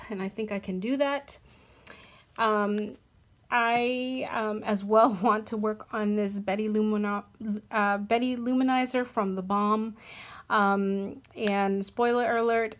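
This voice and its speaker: A young woman chats casually to camera about her makeup, stopping often for ums and small corrections. Her voice sits at an ordinary middle pitch. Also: fairly even intonation, unhurried. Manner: chatty, hesitant with frequent ums and self-corrections. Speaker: beauty vlogger. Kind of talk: casual product talk to camera.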